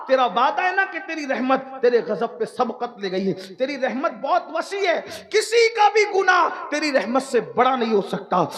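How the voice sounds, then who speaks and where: Man doing a sobbing penitent young man, high pleading voice. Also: a bit bright, full character voice. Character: remorseful young man, weeping and begging forgiveness.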